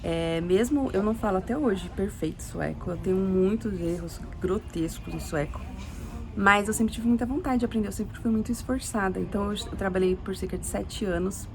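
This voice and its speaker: Telling a personal story, a young adult Brazilian woman living in Sweden rambles casually, restarting often and tacking on tag questions. Her mid-range voice is creaky and a little fast, with a Brazilian Portuguese accent.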